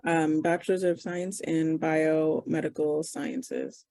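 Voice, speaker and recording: Gravelly young woman answering casually. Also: low voice, little pitch movement, takes it slowly, mellow, dry recording. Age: 20s. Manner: casual, thinks aloud with fillers. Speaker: medical student guest. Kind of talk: conversational interview answers.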